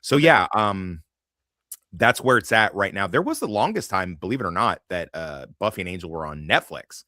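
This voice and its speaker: A man with a fairly low voice hosts a loose panel chat, swearing and rambling between laughs. His tone is bright and forceful, and the sound is dry and close. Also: big pitch swings, normal speed, no echo. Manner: profane, rambling, laughs often. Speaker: podcast host.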